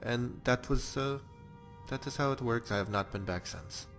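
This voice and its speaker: An actor playing a blunt, bloodthirsty male Nord warrior exile in a game, talking about violence in a deadpan, matter-of-fact way. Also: mid-range voice, moderate pace, soft background music, lightly acted. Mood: wry, boastful. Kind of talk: game character monologue.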